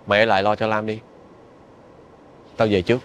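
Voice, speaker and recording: A blunt young man, played by an actor, teases a friend in a fairly low voice. He talks plainly and bluntly. Faint room noise sits behind him. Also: little pitch movement, fairly quick, lightly acted. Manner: blunt and teasing.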